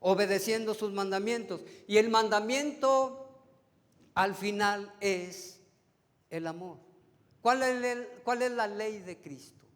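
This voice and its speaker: A man with a high voice delivers a sermon to his congregation and peppers them with rhetorical questions. His phrases climb to emphatic peaks, then drop away softly. The sound carries the long, ringing reverb of a church hall. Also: slow. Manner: swings between emphatic rises and soft, trailing phrase endings. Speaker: preacher. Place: church sanctuary.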